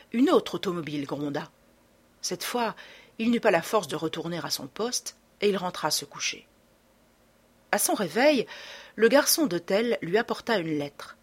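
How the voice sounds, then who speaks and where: A woman reading a classic French adventure novel aloud in a measured, dramatic narration. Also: fairly low pitch, slightly rough. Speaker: audiobook narrator. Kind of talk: scripted narration.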